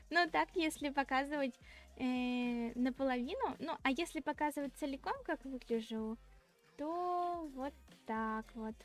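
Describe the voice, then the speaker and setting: A woman's voice: high voice, unhurried. A woman streamer chatting casually with viewers in a cute, girlish, slightly shy and giggly anime-streamer manner. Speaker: VTuber streamer hosting a redebut stream. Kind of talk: casual livestream chat with viewers. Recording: clear background music. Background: music.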